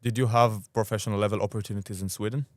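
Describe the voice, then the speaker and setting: A man's voice: fairly low pitch, level tone, rapid-fire, no room sound, studio quality. A young man in his twenties hosting a college sports podcast, reading a scripted intro and then asking questions conversationally. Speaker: podcast host.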